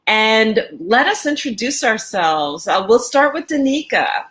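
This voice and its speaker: A woman's voice: a little high, expressive, unhurried, a bit bright. A woman from New York, a life coach hosting a podcast, welcoming listeners and explaining ideas through everyday analogies. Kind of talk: casual podcast chat.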